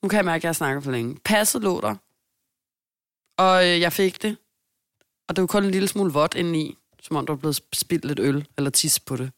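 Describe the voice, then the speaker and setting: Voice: mid-range voice, no echo, studio quality. A podcast co-host telling a long story in casual chat and acting out the people in it. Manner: animated, acts out the people in the story.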